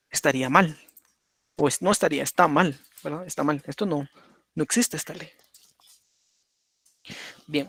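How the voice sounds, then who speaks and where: A man with a fairly high voice teaches a lesson on automata at his computer, recorded with no room sound. He explains step by step as he draws, checking in with "right?" and repeating "por ejemplo" and "¿verdad?".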